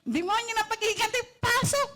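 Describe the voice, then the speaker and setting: A woman's voice: very high-pitched, brisk, background noise, pitched above the performer's own voice. A woman preacher voicing a coaxing demon that calls other demons in during a sermon. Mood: beckoning. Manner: coaxing, calling out.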